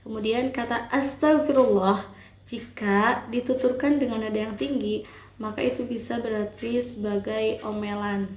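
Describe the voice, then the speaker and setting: A young woman giving a student class presentation, explaining steadily with frequent hesitant pauses. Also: a little high, darkish tone. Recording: roomy echo, faint background noise.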